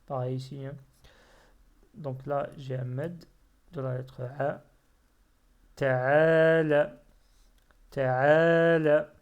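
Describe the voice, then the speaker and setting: Slow, patient man teaching reading. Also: medium pitch, fairly even intonation, warm tone. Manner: patient, repeats words syllable by syllable. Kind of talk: slow explanatory lesson.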